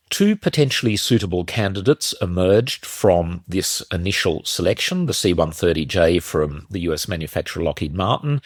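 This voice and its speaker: A man, muffled and congested with a slight cold, giving measured, opinionated solo commentary as a podcast host. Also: low voice, husky, no room sound, clean studio sound.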